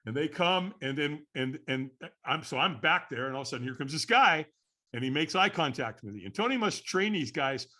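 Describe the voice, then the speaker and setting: A man who is a guest on a podcast, telling an animated story, acting out the voices he quotes and laughing often. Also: fairly high pitch, fairly quick. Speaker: guest, firewalking instructor.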